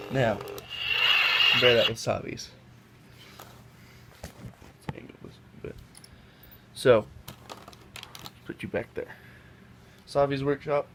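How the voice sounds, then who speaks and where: This man's mid-range voice carries vocal fry. A young toy reviewer who is sick and sniffling, he chats and rambles, correcting himself as he handles toys at an indoor table for a casual comparison. A camera mic off-screen above the table captures a noisy home recording.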